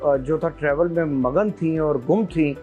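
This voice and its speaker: A man hosting an interview, asking questions in a measured way with some hesitation. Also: fairly high pitch, narrow, tinny audio, soft background music. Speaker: interviewer, host.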